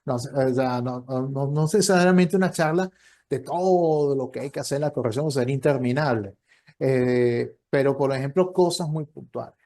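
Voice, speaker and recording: In an online lecture with questions from the audience, this professor and copy editor explains ideas conversationally and acts out short exchanges. He has a mellow, medium-pitched voice and keeps a moderate pace.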